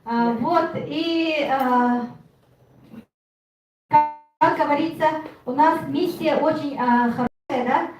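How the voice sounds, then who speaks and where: A woman runs a team presentation in an upbeat, hesitant way, filling pauses with sounds. Her voice is high and bright. She is heard distantly in a very echoey room with faint noise. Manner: upbeat, filler-heavy. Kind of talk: presentation and award ceremony.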